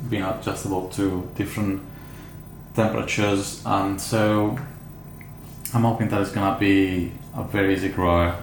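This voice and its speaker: Speaking in a low, gravelly voice at a moderate pace and level tone, an orchid grower from Italy with an Italian accent gives a casual unboxing vlog. He's hesitant and chatty, full of fillers and restarts. Faint ambient noise sits behind him in an echoey room.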